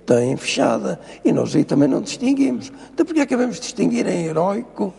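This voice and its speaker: A man's voice: sits high, big pitch swings, fast talker, vocal fry, mellow, slightly rough, big-room sound. An older man with a European Portuguese accent, a professor explaining spelling rules in a TV interview, lecturing and insistent. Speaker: linguistics professor, guest. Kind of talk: TV studio interview.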